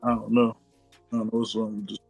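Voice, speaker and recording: A man chatting casually through a speaker that keeps cutting out, halting and trailing off mid-sentence. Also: fairly low pitch, level tone, creaky, husky, faint music behind. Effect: heard through a speaker that keeps cutting out. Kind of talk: casual chat.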